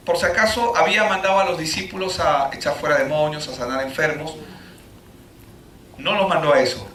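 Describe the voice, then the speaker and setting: A man preaching a sermon, full of rhetorical questions, rising to shouts and then dropping low. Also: slight background noise. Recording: echoey room, voice from a distance.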